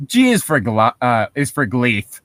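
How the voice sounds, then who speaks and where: This podcast co-host has a medium-pitched, fairly bright voice, recorded without room sound. His casual chat about horror stories is rambling and profane.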